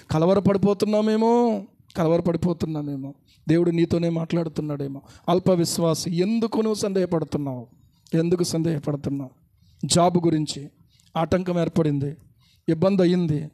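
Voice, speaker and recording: A man with a notably high voice preaches to his congregation. He repeats phrases and fires rhetorical questions at his listeners. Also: mellow. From India. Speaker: pastor. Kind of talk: sermon.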